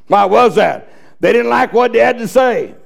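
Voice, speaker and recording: A male pastor preaching a fiery, folksy sermon that rises to shouted peaks. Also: very high voice, animated, normal speed, gravelly.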